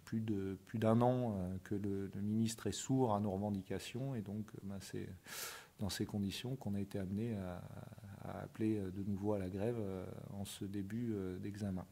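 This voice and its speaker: A man's voice: fairly low pitch, steady tone, moderate pace, vocal fry, warm tone, breathy edge. A man, a teachers' union representative, firmly explaining a strike in an interview. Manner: firm, militant. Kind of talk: interview statement.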